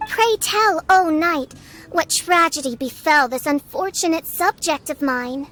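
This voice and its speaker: A woman's voice: sits high, measured pace, fairly bright tone, faint music behind. A woman voicing a haughty, theatrical self-styled young princess in a video game, speaking in grandiose, archaic phrases. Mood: ominous, dramatic. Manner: pompous, archaic, grandiloquent speech. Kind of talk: video game character acting.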